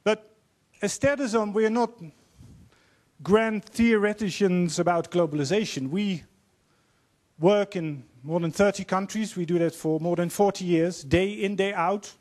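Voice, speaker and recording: A Dutch-accented man from the Netherlands opens a public forum as panel moderator, giving a formal opening speech on stage in a large auditorium. His voice sits high and a little mellow, picked up by a handheld mic. He sounds earnest and measured, quoting speakers as he goes.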